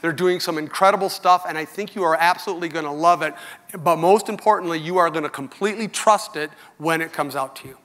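Man giving a candid keynote, slightly high. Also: quick pace, a bit bright. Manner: earnest, conversational, candid. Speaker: company executive giving keynote. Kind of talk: conference keynote speech. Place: large conference stage.

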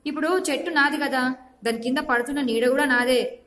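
A teacher voicing a miserly, angry old village man who shouts and scolds. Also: high-pitched, steady tone, fairly quick. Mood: bossy.

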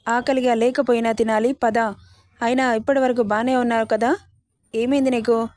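A caring mother-in-law coaxes gently and firmly, read by a woman in a fairly high voice. The tone is motherly and the recording is dry and close. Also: flat delivery, normal speed, no room sound, close to an everyday voice. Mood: coaxing.

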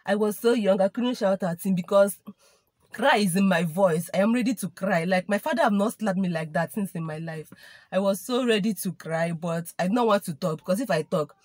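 A woman's voice: mid-range voice, a little fast, a little mellow, no echo. Chatty young Nigerian woman telling a story. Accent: Nigerian English. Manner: chatty, mixes in Igbo and Pidgin expressions. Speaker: vlogger. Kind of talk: casual storytime monologue.

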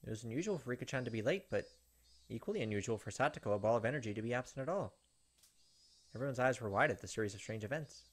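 Speaking expressively at a quick pace in a mid-range voice, a let's play host reads visual novel narration and tosses in asides. He's close to a desk microphone, with game music in the background.

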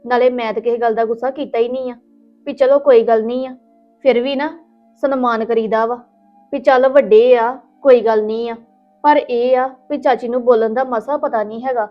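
A woman's voice: a little high, fairly even intonation, normal speed, natural voice. A woman playing a polite, conciliatory young wife in a Punjabi village family drama, speaking with a Punjabi accent. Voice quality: soft, soothing, polite. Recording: dull lo-fi with music.

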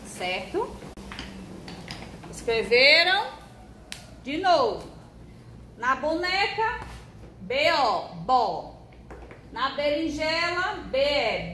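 A high-voiced woman with a Brazilian Portuguese accent leads a young class through syllables, her pitch swooping up and down as she stretches out each word. She talks slowly and patiently, like a primary school teacher. Her voice rings in an echoey room with a faint hiss underneath. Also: sharp tone. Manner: slow, sing-song syllable drilling with stretched words. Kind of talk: recorded first-grade handwriting lesson.

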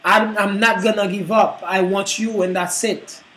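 A man's voice: high-pitched, steady tone, unhurried, a bit bright, poor audio. A man doing a devoted suitor proposing. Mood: steadfast. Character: devoted steadfast man proposing to his love.

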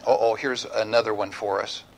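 A middle-aged man preaching a church sermon, building to emphatic points and dropping to a hushed altar call. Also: on the low side, steady tone, brisk, a little hiss or hum, rough recording. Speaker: pastor. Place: church sanctuary.

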